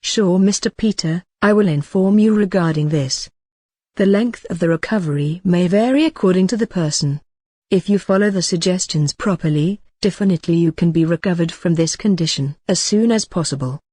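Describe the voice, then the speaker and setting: Woman playing a gentle, calm nurse in scripted role-play. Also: lowish voice, normal speed, no echo, clean studio sound, natural voice. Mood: calm, reassuring. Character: reassuring female ward nurse counselling a patient. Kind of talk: scripted role-play dialogue for exam practice.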